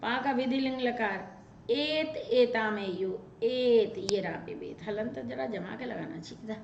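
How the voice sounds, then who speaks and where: Brisk woman drilling grammar in a roomy space. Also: a little high, vocal fry. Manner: brisk and drilling, reciting verb forms. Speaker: Sanskrit teacher. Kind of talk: grammar lesson to students. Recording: roomy, dull lo-fi sound with faint noise.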